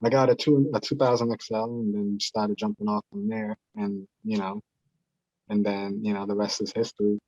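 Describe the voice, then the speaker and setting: Man in his 30s, low monotone voice, halting and profane, interview guest. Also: no room sound, dull audio. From Boston area. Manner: rambling, halting, slangy and profane. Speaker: beat maker guest. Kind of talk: casual interview.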